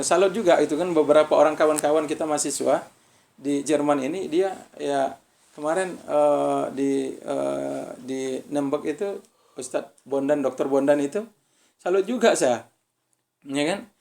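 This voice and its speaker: A man giving a relaxed religious study talk to students, speaking with an Indonesian accent and checking in with his listeners often. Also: fairly high pitch, normal speed, gravelly. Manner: conversational, keeps asking "ya kan?". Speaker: visiting preacher.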